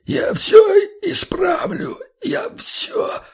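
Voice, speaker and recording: Shrieking, sobbing security chief. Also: male voice, huge pitch swings, extremely slow, a bit bright, heavily acted. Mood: sobbing plea. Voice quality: shrill, wailing falsetto. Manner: begging, choking, drawn out. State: crying. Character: terrified male security chief, pleading and sobbing.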